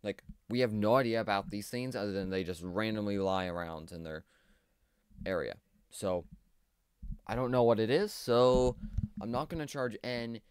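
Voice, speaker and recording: Male commentator, lowish smooth voice, hesitant and filler-heavy, dry close mic. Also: moderate pace, no echo. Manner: rambling, hesitant, lots of fillers. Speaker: video commentator. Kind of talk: casual commentary on a cartoon series.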